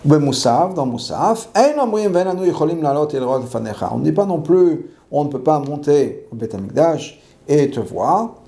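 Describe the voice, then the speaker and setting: Male rabbi teaching a law class, gravelly and dark-toned, reads Hebrew then explains, repeats key phrases. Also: a little high, big pitch swings, normal speed. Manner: asks questions and answers them himself.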